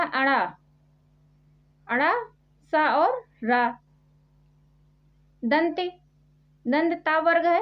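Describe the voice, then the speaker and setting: A woman teaching a grammar quiz lesson, reading each question and answer twice and spelling out the sounds one by one. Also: high-pitched. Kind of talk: quiz-style exam prep lesson. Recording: dull lo-fi sound.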